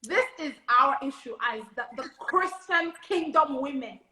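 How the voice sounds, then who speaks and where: A woman's voice: high-pitched, animated, unhurried, bright, forceful tone, echoey room, poor audio. A woman speaking as a panelist in a casual live discussion, emphatic and opinionated.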